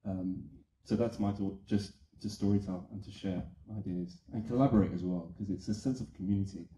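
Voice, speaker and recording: A man with a low, very mellow voice speaks on a film panel. He is enthusiastic and rambles a little. The sound is roomy and echoing. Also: steady tone, a little fast, a little hiss or hum. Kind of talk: panel answer. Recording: echoey room.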